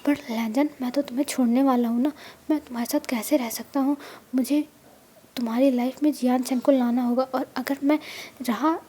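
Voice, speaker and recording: A woman's voice: high-pitched, steady tone, a little fast, mellow. A woman voicing a sensitive, teasing young man in a storybook reading, in her own plain voice. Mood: tearful. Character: young man, emotional, teasing, secretly sad.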